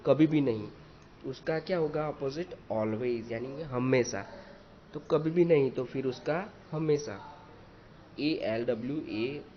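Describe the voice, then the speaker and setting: A man walks through an English lesson at a very slow pace, spelling each word out letter by letter and repeating it. His voice sits at an ordinary pitch. The recording is dull and lo-fi, with a faint hiss underneath. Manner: spells words letter by letter, repeats, explains in Hindi. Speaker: English teacher.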